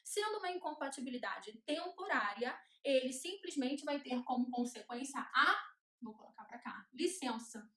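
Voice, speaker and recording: A woman's voice: sits high, expressive, normal speed, a bit bright. A woman teaching a law class at a board, chanting checklists in a rhythm so they are easy to memorize. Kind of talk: classroom lecture at a whiteboard. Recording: echoey room.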